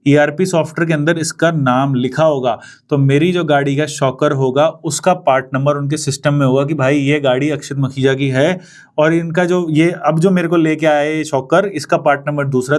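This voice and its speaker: Young trainer from India, slightly high voice, casual and example-driven, switching between Hindi and English. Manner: mixes Hindi and English, explains with everyday examples. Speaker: CAD trainer. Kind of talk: casual classroom explanation.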